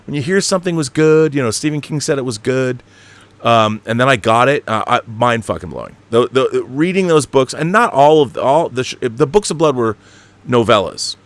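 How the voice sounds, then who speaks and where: A slightly bright, medium-pitched male voice belongs to a middle-aged American who runs a livestream on movies and books. Answering viewers in a loose, opinionated chat, he speaks emphatically, swears a lot and wanders off topic.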